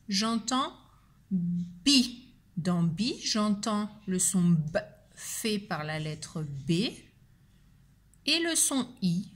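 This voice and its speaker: A woman teacher giving a spelling dictation, speaking slowly and deliberately and repeating each word with care. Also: medium pitch. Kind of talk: slow spelling dictation lesson.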